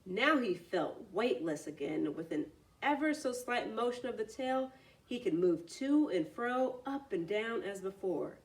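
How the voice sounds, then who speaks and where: Unhurried and medium-pitched, a woman narrates a story for young listeners with a very lively, sing-song swing. She drops in simple asides to explain things along the way, and her voice is slightly distant from the mic.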